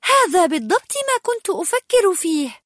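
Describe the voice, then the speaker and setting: A woman voicing an eager, excited young princess in a storybook, pleading and curious. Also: very high voice, normal speed, dry recording, studio quality, pitched above the performer's own voice, full character voice.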